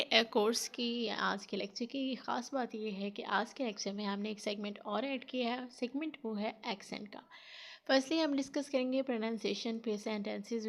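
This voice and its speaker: A woman with a mother tongue, teaching a spoken English lesson through slow, deliberate pronunciation drills. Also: a little high, vocal fry, fairly bright tone. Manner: slow, deliberate quiz-style word drills.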